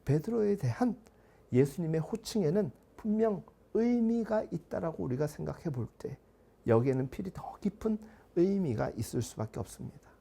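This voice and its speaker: Gravelly, husky-voiced male pastor preaching. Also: on the high side, expressive, warm tone. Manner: measured, earnest preaching with rhetorical questions. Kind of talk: sermon.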